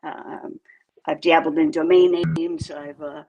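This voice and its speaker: A woman's voice: low-pitched, level tone, takes it slowly, highs cut off, a crowd in the background. A woman in her seventies from New York State, a guest chatting casually in an interview about her working life, talking in a rambling, hesitant way with lots of fillers. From New York State, USA. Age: 70s. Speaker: guest, crypto project co-creator.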